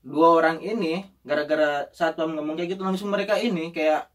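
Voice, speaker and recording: A young man telling an animated story in casual chat and acting out the voices of the people in it. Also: a little high, a little fast, far from the mic.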